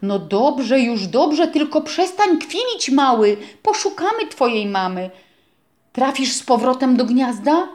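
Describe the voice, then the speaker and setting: A woman's voice: high voice, very animated, unhurried, darkish tone, voice pushed up. A woman voicing a grumpy, matter-of-fact young male rabbit who lectures and explains things plainly, in a storybook reading. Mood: soothing. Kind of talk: storybook character voice.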